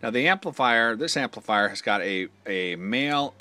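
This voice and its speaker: Here a man with a mid-range, animated voice speaks at a moderate pace in a sharp tone, with no echo. In an informal hands-on instructional walkthrough, he demonstrates a product matter-of-factly, one step at a time.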